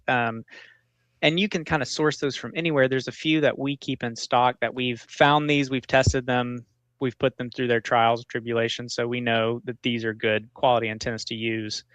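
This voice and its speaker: Male tech support guest, medium pitch, informal explainer, dry recording. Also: steady tone, moderate pace, fairly bright tone, dry recording. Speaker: technical support manager, interview guest. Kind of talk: conversational technical explanation.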